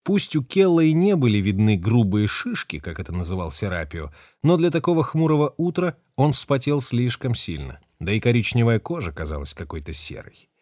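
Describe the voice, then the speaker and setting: A man narrating an audiobook in a dramatic, expressive reading. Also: medium pitch, brisk, hardly any pauses, dry recording, studio quality. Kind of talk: scripted narration.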